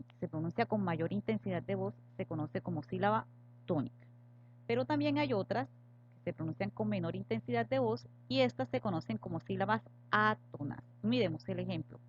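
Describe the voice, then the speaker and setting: A woman teacher giving a recorded grammar lesson, patiently spelling out example words slowly and with stress. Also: mid-range voice, a little mellow. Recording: slightly dull lo-fi audio with faint hum.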